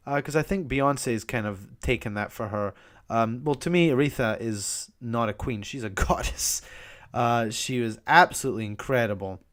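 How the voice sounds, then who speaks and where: A man's voice: medium pitch, normal speed, fairly bright tone. A young man hosting a casual podcast monologue, talking enthusiastically, swearing freely, with frequent ums and restarts. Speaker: podcast host.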